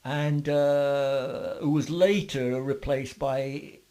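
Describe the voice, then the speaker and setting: An older man, a bass player being interviewed, telling long rambling stories with lots of fillers and restarts. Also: fairly even intonation, extremely slow, mellow. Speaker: guest musician, bassist. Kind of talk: interview storytelling.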